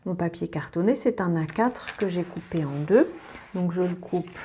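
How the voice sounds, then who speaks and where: A woman's voice: lowish voice, moderate pace, dark tone, a little hiss or hum. A woman giving a hands-on papercraft tutorial, chatting step by step with little asides as she works at her table. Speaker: papercraft demonstrator. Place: indoors at a craft table.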